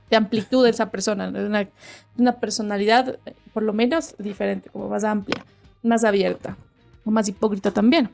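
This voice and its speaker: Gravelly, talkative woman on a video call. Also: on the high side, darkish tone. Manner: talkative, rambling, many restarts. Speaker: podcast co-host. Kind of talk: casual chat.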